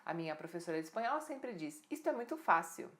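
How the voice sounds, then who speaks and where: A woman who speaks Portuguese as a first language, teaching Spanish grammar to the camera. She checks in with her viewers often and slows down to read out each example sentence. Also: on the low side, big pitch swings.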